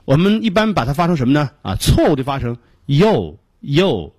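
A man teaching English pronunciation on a radio lesson, explaining patiently step by step and repeating sounds slowly to demonstrate them. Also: on the high side, very animated, darkish tone, dry recording.

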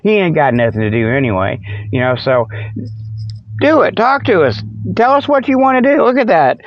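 Very animated and on the high side, an American man talks at a moderate pace while hosting a comic Sasquatch show. His monologue rambles in a folksy, offhand way with jokes slipped in. The sound is dry and close, with a dull, lo-fi radio feel.

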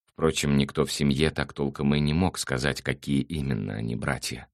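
A man narrating an audiobook in a steady, even reading voice. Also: extremely low pitch, normal speed, creaky, dry recording, clean studio sound.

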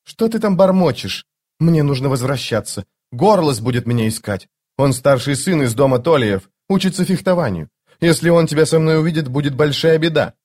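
A man voicing a sharp-tongued, haughty young noblewoman in an audiobook, speaking with scorn. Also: fairly high pitch, animated, moderate pace, voice pushed up. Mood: scornful. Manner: scornful, scolding.

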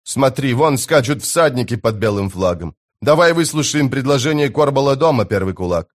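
A man playing a scheming priest from an audiobook. He speaks slowly and slyly, and he hisses his accusations. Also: mid-range voice, animated, lightly acted. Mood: persuasive. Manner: hissing, drawn-out accusations. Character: scheming sly male priest.

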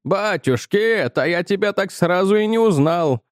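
Fussy high-voiced clerk, as a man puts him on. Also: animated, measured pace, gravelly, no room sound, clean studio sound, exaggerated voice. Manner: soothing, fussing. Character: fussy kindly male shop clerk, solicitous.

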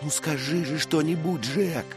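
A man's voice: sits low, animated, moderate pace, music in the background, pitched above the performer's own voice. A man voicing a bold, impulsive young squire who speaks in fervent exclamations, in a read-aloud story.

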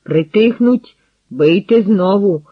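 A man's voice: high-pitched, slow, slightly rough, dry recording, exaggerated voice. A man voicing a stern male warrior captain who barks urgent commands in battle, recorded dry and tinny like over a phone line. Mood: commanding.

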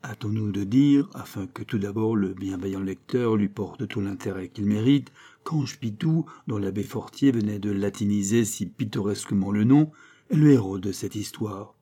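Mellow-voiced male audiobook narrator. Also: lowish voice, normal speed, slightly rough. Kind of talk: scripted narration.

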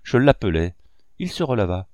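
Low-voiced man reading a story expressively. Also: normal speed, no echo, lo-fi sound. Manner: animated storytelling. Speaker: audiobook reader. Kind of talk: expressive reading of a classic novel.

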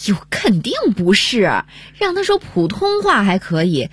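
一位女主持人用俏皮的口吻进行广播闲聊。. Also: female voice, mid-range voice, wildly swooping pitch, measured pace, slightly rough, no echo. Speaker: radio show co-host. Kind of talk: scripted casual chat.

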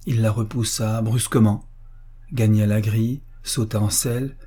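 A man narrating a classic novel as an audiobook, measured and literary. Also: lowish voice, fairly even intonation, mellow, husky.

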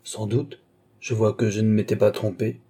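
A man's voice: lowish voice, little pitch movement, moderate pace, mellow, husky. A man voicing a wary, deferential male secretary in an audiobook, teasing his master. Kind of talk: audiobook character reading.

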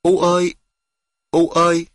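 A man's voice: sits high, completely flat delivery, a little slow, fairly bright tone, slight background noise, pitched above the performer's own voice. Man voicing a wounded, exhausted young man. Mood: pleading.

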